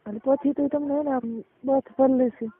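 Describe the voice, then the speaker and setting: Captured from a phone call with muffled, narrowband sound, a woman speaks in a high, steady voice at normal speed. Her Gujarati accent comes through as she chats informally in private, explaining matters and repeatedly checking for understanding.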